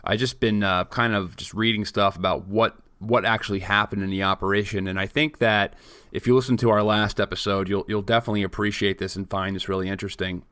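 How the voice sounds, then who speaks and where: Man, late twenties, podcast co-host, joking, rambling, low voice, dry close recording. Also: fairly even intonation, fast talker, a bit bright, clean tone, no room sound. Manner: joking, rambling, many restarts. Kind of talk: casual podcast chat.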